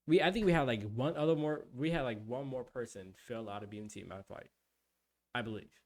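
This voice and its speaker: A man's voice: mid-range voice, a little fast, a little mellow. A young adult man streaming, telling a rambling, profane story in casual chat.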